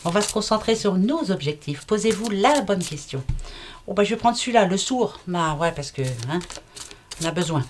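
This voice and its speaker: A woman's voice: mid-range voice, expressive, moderate pace, slight background noise. A middle-aged woman giving a casual card reading to her viewers, chatty, familiar and reassuring, with everyday slang. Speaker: card reader.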